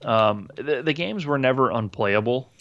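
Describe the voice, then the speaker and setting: A man's voice: medium pitch, expressive, a little slow, fairly bright tone, muffled recording. A man co-hosting a casual gaming podcast, rambling and swearing, with lots of fillers and restarts. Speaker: podcast co-host.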